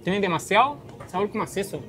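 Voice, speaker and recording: A man's voice: high voice, lively intonation, quick pace, music in the background. A young man chats through a casual food-tasting vlog. He speaks straight to his viewers and laughs easily. The sound comes through a lapel mic in a small, busy restaurant. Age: young adult. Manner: chatty, addresses viewers, laughs often. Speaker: host. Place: small crowded restaurant, indoors.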